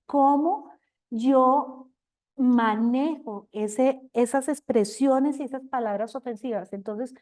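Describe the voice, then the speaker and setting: An older Colombian woman speaks warmly and expressively, turning to her listeners as companions. Her voice sits a little high and sounds mellow, and at times it grows loud. She is sharing her own experience over a video call. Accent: Colombian Spanish. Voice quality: talks loudly at times. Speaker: speaker at a recovery group talk. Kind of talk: personal sharing talk.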